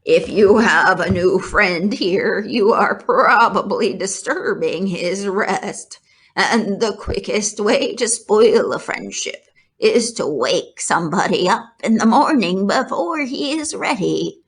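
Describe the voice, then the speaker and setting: A woman's voice: mid-range voice, animated, slow, a bit bright, breathy edge, exaggerated voice. A woman voicing a stern old sheep who scolds in a matter-of-fact way, in a children's storybook. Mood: stern, disapproving. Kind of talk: children's storybook read-aloud.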